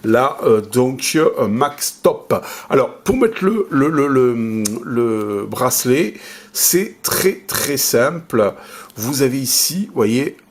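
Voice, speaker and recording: A man's voice: medium pitch, animated, slow. A man giving a casual unboxing review of a smartwatch, rambling with many fillers and self-corrections while handling the product. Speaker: tech reviewer.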